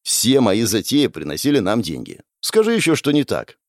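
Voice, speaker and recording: A man voicing a hot-tempered young street boy, a shoe-shiner, who shouts indignantly. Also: fairly low pitch, wildly swooping pitch, normal speed, no echo, studio quality. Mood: agitated.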